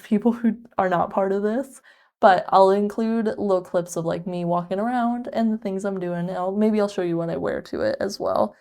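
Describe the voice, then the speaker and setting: Talking loosely to camera with frequent asides, a woman in her twenties who runs a book vlog chats casually with viewers. Her voice is medium-pitched, with a clean, darkish tone.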